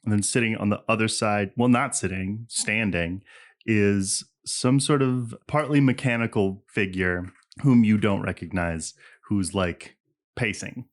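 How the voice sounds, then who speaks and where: Guy with a lowish voice running a tabletop game, relaxed, describes scenes, calls for rolls. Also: a little slow. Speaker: game master.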